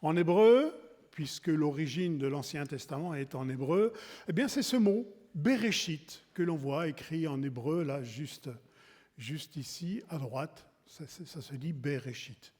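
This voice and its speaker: A man's voice: on the high side, animated, measured pace, mellow. A man giving a wedding sermon in a church, talking in a conversational way with frequent restarts and asides. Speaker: preacher at a wedding service. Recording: long reverb in a church hall.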